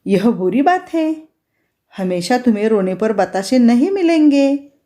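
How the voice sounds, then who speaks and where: A woman's voice: on the high side, big pitch swings, unhurried, dark tone. A woman teacher voicing a stern female night queen who judges and scolds children in a storybook reading. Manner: scolding, commanding.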